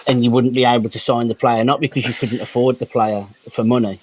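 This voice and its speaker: Man, middle pitch, rambling, repeats words, casual podcast guest. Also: fairly even intonation, fast, heavy background noise. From Birmingham, England. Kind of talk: casual football chat.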